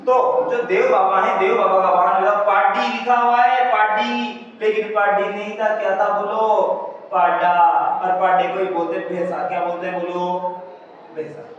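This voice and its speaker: A high-voiced male teacher runs a classroom lesson, firing questions and having students repeat answers back to him. His voice carries from a distance through a strongly echoing room. The recording is dull and lo-fi, with a faint hiss behind it. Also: flat delivery, moderate pace, fairly bright tone. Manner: call-and-response questioning, addressing students as beta. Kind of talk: classroom exam-prep lesson. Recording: echoey room from far off, dull lo-fi sound.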